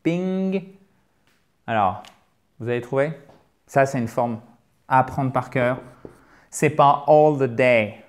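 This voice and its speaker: A French man teaching English in front of the camera, speaking slowly and carefully. He stresses each word and repeats it to drill the sound, and his voice sits at a middle pitch. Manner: lively, emphatic, repeats words to drill pronunciation. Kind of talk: video lesson. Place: indoor filming set with a spotlight. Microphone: camera mic, moves around in frame.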